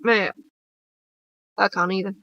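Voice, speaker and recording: A woman's voice: mid-range voice, fairly even intonation, takes it slowly, a bit bright, no echo, highs cut off. A woman, co-hosting a stream in casual, blunt chat and reading posts aloud. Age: 20s. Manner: chatty, blunt, swears casually. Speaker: stream co-host.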